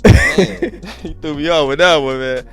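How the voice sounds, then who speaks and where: A man's voice: a little high, a little slow, fairly bright tone, soft background music. A man hosting a podcast, asking questions in an easygoing, affirming way and often calling his guest "man". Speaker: podcast host. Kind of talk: casual podcast interview.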